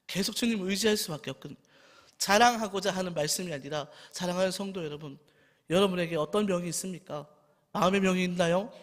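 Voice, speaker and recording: A man's voice: sits high, fairly bright tone. A man preaching a sermon as a junior pastor, talking in an earnest, personal, pleading way. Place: church sanctuary. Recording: long church hall reverb with faint music.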